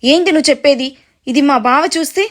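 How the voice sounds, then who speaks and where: A woman's voice: high voice, fast, lightly acted. A woman reading the lines of a cheeky, eager teenage boy.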